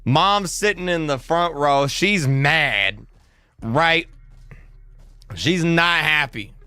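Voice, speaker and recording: A man telling a story in an animated, casual way, excitable and slangy with lots of restarts. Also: on the high side, smooth, no room sound.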